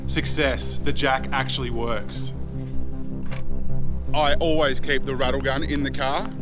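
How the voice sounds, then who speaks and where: Australian man, casual vlogger, over loud music. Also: medium pitch, fairly even intonation, unhurried. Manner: easygoing, slangy, good-humoured. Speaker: vlog host. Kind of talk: casual vlog narration and chat.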